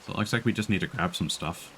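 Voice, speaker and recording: A man streaming a game talks fast in a fairly low, slightly bright voice, offering casual live commentary and thinking aloud as he plays. Faint game noise and ambience run behind him.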